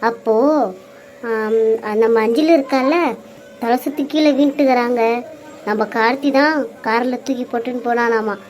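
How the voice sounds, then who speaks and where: A woman voicing a sharp-tongued young daughter-in-law in a cartoon, with a Bangalore Tamil accent and a sarcastic, muttering manner. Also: fairly high pitch, fairly even intonation, moderate pace, long pauses, slight background noise. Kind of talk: cartoon voice acting.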